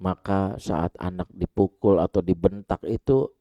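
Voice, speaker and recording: A man's voice: low-pitched, measured pace, dry recording, dull audio. A man giving a parenting sermon at a mosque, telling stories animatedly and acting out the people in them, often addressing the men listening. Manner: animated storytelling, acts out quoted voices, addresses audience as Pak. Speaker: preacher. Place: mosque hall.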